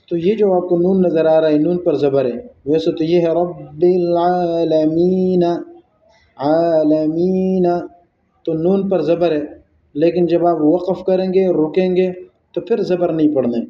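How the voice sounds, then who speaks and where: A man teaching Quran recitation rules, explaining patiently and drawing out recited words very slowly. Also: on the high side. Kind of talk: tajweed lesson with slow recited examples. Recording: echoey, dull lo-fi recording.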